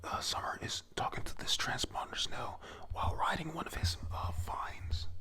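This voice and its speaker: A man's voice: normal speed, pushed and bright. A man whispering a rambling ASMR review of a comic chapter, full of fillers and self-corrections.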